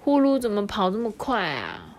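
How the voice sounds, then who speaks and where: A woman voicing an excitable little female rabbit in a storybook, loud and bouncy. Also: medium pitch, normal speed. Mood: excited.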